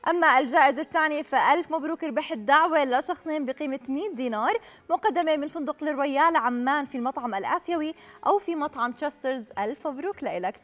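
A woman's voice: high-pitched, fast, a bit bright. A young Jordanian-accented woman hosting a live phone-in TV game show, announcing in an upbeat, congratulatory way. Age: young adult. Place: TV studio. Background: background music.

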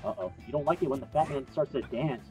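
A young man doing jokey live play-by-play commentary on a fighting game match, bursting into yells at big plays. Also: mid-range voice, fast. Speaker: esports commentator. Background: game music and sound effects.

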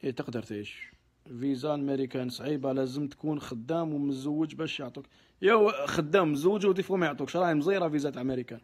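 A man's voice: fairly high pitch, racing. A man with an Algerian Arabic accent hosting a casual live question-and-answer stream. He mixes in French words, answers offhandedly and gets heated when he vents.

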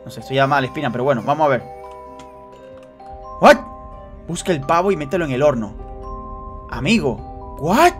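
A man commentating a horror game for his viewers, joking and teasing, dropping to hushed suspense and then bursting into shrieks. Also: medium pitch, animated, a little fast, pauses often, soft background music. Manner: swings between hushed suspense and sudden loud shrieks. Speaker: gaming youtuber. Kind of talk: excited let's-play commentary.

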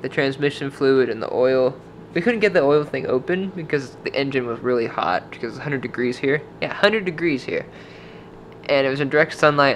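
In his casual travel vlog with voice-over, a young Washington state man films himself at arm's length in a dim motel room, rambling through a story full of "like." His voice is medium-pitched and fairly bright, with slight background noise behind it.

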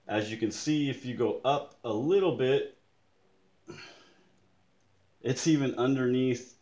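Slow, deliberate man in an echoey room. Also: mid-range voice, darkish tone. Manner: slow, deliberate, pointing things out, occasional frustrated mutters. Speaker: customer showing watch damage. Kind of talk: casual show-and-tell demonstration. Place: indoors at a desk in a room.

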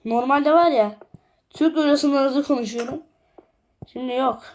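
A young woman talks casually to her viewers as she builds in a game. Her voice sits a little high, and she often drops to a quiet murmur to count blocks. The delivery is relaxed and chatty throughout. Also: moderate pace, slight background noise. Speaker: gaming video creator.

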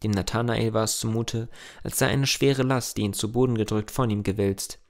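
A man's voice: lowish voice, steady tone, normal speed. A man reading a classic German novella aloud as an audiobook, in a plain manner with the odd slip and restart. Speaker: audiobook reader.

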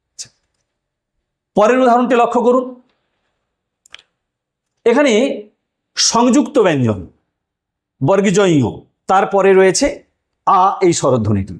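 High-voiced man teaching a language lesson. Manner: rhetorical questions, repeats examples slowly. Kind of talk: explanatory lecture.

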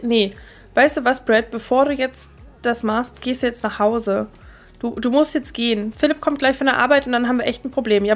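A woman hosting a let's play, chatting casually and excitably as she talks to her game characters and her viewers. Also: on the high side. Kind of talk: casual gameplay commentary.

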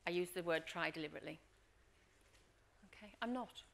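A woman's voice: fairly low pitch, fairly quick, creaky. A middle-aged woman coaching a workshop, telling stories and acting out scenes, often checking in with the room. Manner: lively storyteller, acts out scenes, checks in with "Okay?". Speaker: leadership coach and workshop trainer. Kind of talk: workshop talk with acted-out anecdotes.

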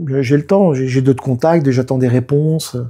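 At normal speed and in a mid-range voice, a male musician and producer in his fifties chats as a guest in a casual interview. He's a lively storyteller who often acts out what people said.

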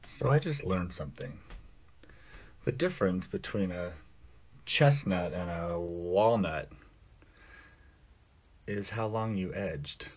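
A man telling a joke in a deadpan way. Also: deep voice, slow pace, long pauses, a little hiss or hum. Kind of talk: joking TikTok clip.

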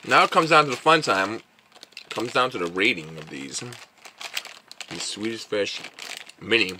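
At home with his dog, a man vlogs a candy taste test, rambling casually with plenty of fillers and sometimes talking while chewing. His fairly low voice is animated and unhurried, with a pushed, bright quality. There is slight background noise.

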